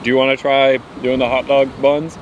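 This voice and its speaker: A man's voice: mid-range voice, fairly quick, lo-fi sound. A young man hosting an outdoor cooking vlog, talking casually and upbeat while cooking with a friend at night. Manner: relaxed, upbeat banter. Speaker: vlog host. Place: outdoors at night on an island campsite. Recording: outdoor recording with clear background noise.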